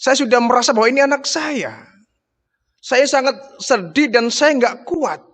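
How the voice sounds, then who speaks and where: A man's voice: sits high, moderate pace, a bit bright. A man voicing a tearful, pleading nursing mother. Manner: emotional, pleading storytelling voice. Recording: long hall reverb.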